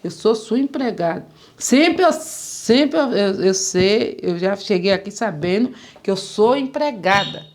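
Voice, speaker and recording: A woman's voice: mid-range voice, a little slow. A woman, telling a story in casual talk and acting out the voices she quotes. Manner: animated, acts out quoted voices. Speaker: interviewee.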